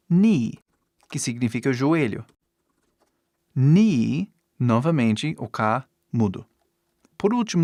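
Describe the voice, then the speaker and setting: Slow, patient male language teacher. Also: medium pitch, darkish tone, no room sound, studio quality. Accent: English-speaking learner's Portuguese. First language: English. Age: middle-aged. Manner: patient, repeats example words and exaggerates sounds to demonstrate; checks in with listeners often. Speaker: English teacher. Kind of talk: pronunciation lesson.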